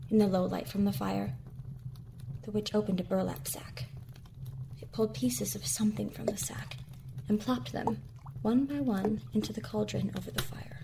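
A woman narrating a horror story in a hushed voice that often drops to a whisper. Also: mid-range voice, steady tone, normal speed, vocal fry, background noise. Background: music.

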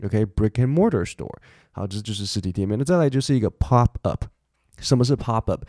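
Man, low voice, casual podcast teacher, thinks aloud, slow careful English reading. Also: no echo, studio quality. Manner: relaxed, chatty, thinks aloud with fillers and restarts; reads English news text slowly and carefully.

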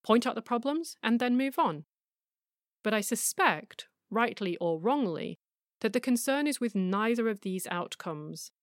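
A middle-aged woman, narrating her own podcast from a script in a measured, emphatic way, with wry asides and rhetorical questions. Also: a little high, animated, dry recording, clean studio sound. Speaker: podcast host.

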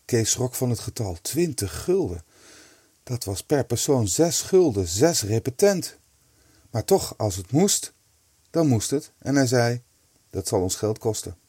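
A man's voice: medium pitch, sing-song, unhurried, warm tone, husky, no room sound. Dry-sounding man reading a children's story. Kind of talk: storybook narration.

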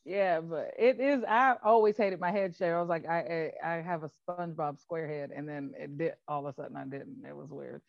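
Lady co-host, low-ish voice, all muffled and dull like the mic's stuck under her shirt, dead dry sound. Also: steady tone, fairly quick, vocal fry, few pauses, no room sound. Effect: muffled, dull sound from a mic buried in clothing. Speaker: podcast co-host. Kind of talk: casual group chat. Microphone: lavalier or headset mic tucked in clothing.

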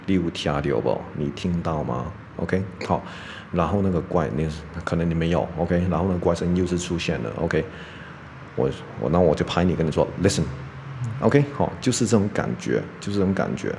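Low-voiced man teaching English. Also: brisk, gravelly, a little mellow, a little hiss or hum. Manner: explains patiently, peppers speech with "OK". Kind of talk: podcast language lesson.

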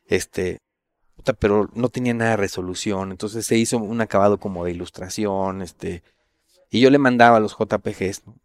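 A middle-aged man with a Mexican accent, casually telling stories as an interview guest, full of slang and swearing, animated when he quotes others. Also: fairly low pitch. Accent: Mexican Spanish.

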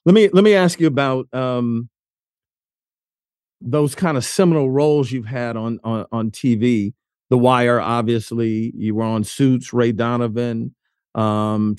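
A man's voice: medium pitch, a little mellow, smooth, no room sound, studio quality. A male interviewer asking questions and eagerly affirming his guest. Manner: enthusiastic, frequent affirmations. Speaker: interviewer host.

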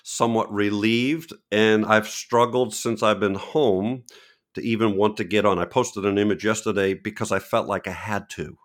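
A man talking as a guest photographer in a podcast interview, reflective and unhurried, often restarting and correcting himself mid-sentence. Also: fairly low pitch, fairly even intonation.

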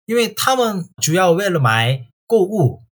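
A man from South Korea speaking Mandarin as a foreigner with a Korean accent, answering interview questions casually in halting, simple phrases as a tour guide. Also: sits high, big pitch swings, a bit bright, breathy edge.

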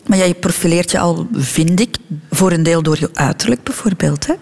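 Interviewer voice, mid pitch, pushy follow-up questions, lots of tag questions. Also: normal speed, vocal fry, a little mellow. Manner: probing, prodding with tag questions.

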